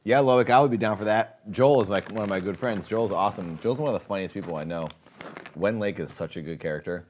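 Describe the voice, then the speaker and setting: A man's voice: lowish voice, fast talker, a little hiss or hum. A man casually chatting with his viewers while playing a game on a livestream, rambling and laughing often. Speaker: streamer.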